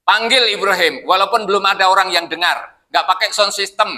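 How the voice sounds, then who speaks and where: High bright-voiced man teaching in a mosque. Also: a little fast. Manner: chatty, quizzes listeners as "Pak". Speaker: Islamic teacher leading a Quran study. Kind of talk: casual mosque study talk.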